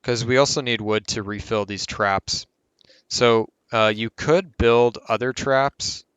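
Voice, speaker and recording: A man's voice: mid-range voice, fairly even intonation, takes it slowly, fairly bright tone, smooth, dry recording. A man hosting a casual gameplay tutorial who rambles and corrects himself mid-sentence as he explains. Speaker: game tutorial host.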